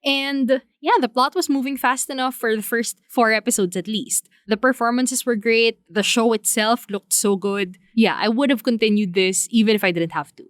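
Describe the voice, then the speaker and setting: Female podcast host, casual solo review, chatty delivery, clean smooth voice in a dry close sound. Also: a little high, normal speed, few pauses, no echo. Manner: chatty, informal, addresses listeners directly.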